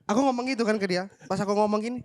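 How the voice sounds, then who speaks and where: A man's voice: sits high, very fast. Eastern indonesian man telling stories. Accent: East Nusa Tenggara Indonesian. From East Nusa Tenggara, Indonesia. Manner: storytelling, repeats phrases. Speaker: guest musician. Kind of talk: casual podcast chat.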